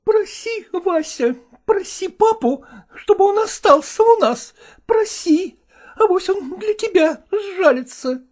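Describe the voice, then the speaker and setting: A woman voicing a sharp-tongued middle-aged wife who scolds her estranged husband in a shrill, needling way. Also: animated, normal speed. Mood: tearful pleading.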